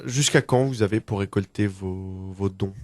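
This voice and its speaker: Un homme qui mène une interview à la radio sur un ton de conversation, un peu hésitant. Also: male voice, low voice, normal speed, a little mellow, no echo. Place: close dry radio microphone.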